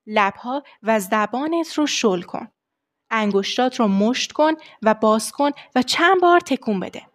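A young adult woman voice coach giving a lesson on vocal warm-ups, explaining steps and demonstrating the exercises herself. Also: on the high side. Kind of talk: voice training lesson.

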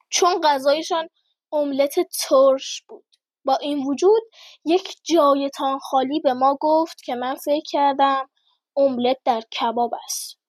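A woman reading a humorous first-person story aloud, lively and slowing down for the punchlines. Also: high-pitched, no echo.

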